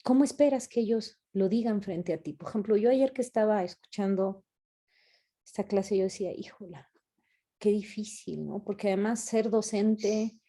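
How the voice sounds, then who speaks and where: Dark-voiced woman lecturing parents. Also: medium pitch, steady tone, normal speed. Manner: conversational, asks "¿no?" often. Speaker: speaker at online parents' conference. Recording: online video call talk.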